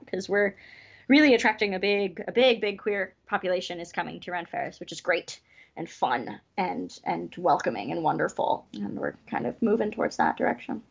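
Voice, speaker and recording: A woman who works as a festival variety performer, chatting in an interview in an upbeat, chatty way full of quick asides. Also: fairly low pitch, vocal fry, husky. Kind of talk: casual interview chat. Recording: dull lo-fi sound.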